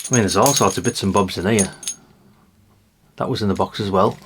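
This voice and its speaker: With slight background noise behind him, a British vlogger talks a little fast in a lowish voice as he handles and shows off a haul of vintage CB radios. He muses in a rambling way, often chatting directly to viewers.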